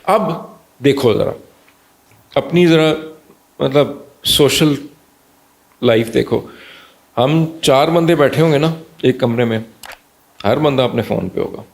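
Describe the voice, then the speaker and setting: Doctor guy, gravelly voice, animated, throws in english bits. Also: medium pitch, long pauses. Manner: animated, slips into Punjabi and English phrases. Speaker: pediatrician guest. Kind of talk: conversational explanation.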